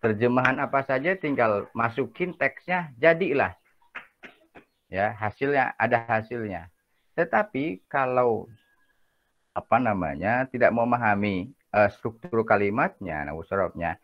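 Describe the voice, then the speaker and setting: A man's voice: medium pitch, animated, normal speed. Guy teaching a class, joking around a lot, keeps asking ya nggak, muffled lo-fi sound. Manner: chatty, jokey, peppers talk with tag questions. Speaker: university lecturer. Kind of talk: casual classroom lecture.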